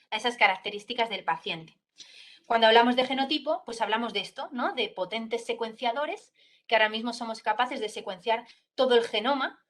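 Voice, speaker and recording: A pediatric neurologist with a fairly high, fairly bright voice gives an explanatory talk to students. She takes them through the topic step by step and checks in with them often.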